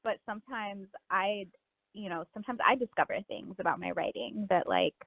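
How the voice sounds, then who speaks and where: Heard over a narrow phone line, a woman from Miami, United States, talks casually and reflectively as a guest author in an interview, often saying "like" and "you know." Her voice is medium in pitch, at a normal speed, and the recording is dry.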